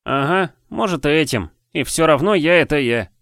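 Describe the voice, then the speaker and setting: A man's voice: fairly high pitch, expressive, moderate pace, a bit bright, dry recording, pitched above the performer's own voice. A brash, cheeky young boy who taunts in slang and likes to boss others around, as a man puts him on. The voice sits raised and swings up and down a lot. The recording is dry and close. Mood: taunting. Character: brash cocky boy, sharp-tongued and bossy.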